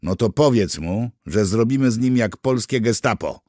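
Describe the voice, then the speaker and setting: A man voicing a hot-tempered male militia interrogator who shouts brusquely. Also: lowish voice, animated, normal speed, dry recording, studio quality, voice pushed up. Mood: angry shouting.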